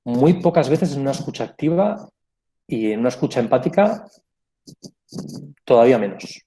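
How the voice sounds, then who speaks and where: A man's voice: mid-range voice, very animated, moderate pace, warm tone. A man giving a reflective pastoral conference talk, explaining ideas with asides and small self-corrections. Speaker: conference speaker.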